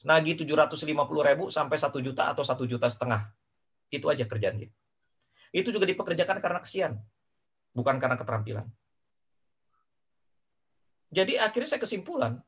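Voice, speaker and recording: A man coaching a parents' group in a lively question-and-answer session, emphatic and repeating his key phrases, dropping English phrases into his talk. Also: fairly high pitch, slightly rough.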